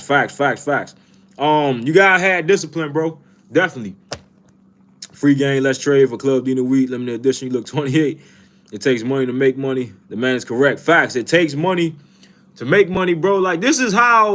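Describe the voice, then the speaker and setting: A man's voice: mid-range voice, a bit bright. A man, chatting casually on a livestream, reading viewer comments, swearing and repeating himself. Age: 20s. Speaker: fragrance livestream host.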